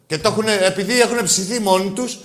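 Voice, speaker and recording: A man's voice: high-pitched, a bit bright, roomy sound. A man hosting a sports call-in show, trading teasing, sarcastic remarks with callers and his co-host. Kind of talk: call-in banter.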